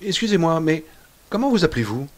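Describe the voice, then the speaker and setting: A man's voice: on the high side, big pitch swings, voice pushed up. A man doing a drunk, stammering man. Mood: tipsy, unsettled. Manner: slurred, halting, stammering. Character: drunk, shaken middle-aged man at a ball.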